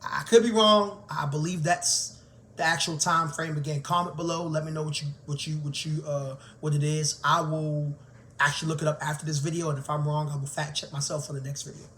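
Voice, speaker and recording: A man tells his own story in a candid, conversational way. His voice sits a little high for a man. A faint hiss runs under the recording. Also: brisk. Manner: candid, conversational, grows animated. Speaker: teacher and vlogger. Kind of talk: personal storytelling to camera.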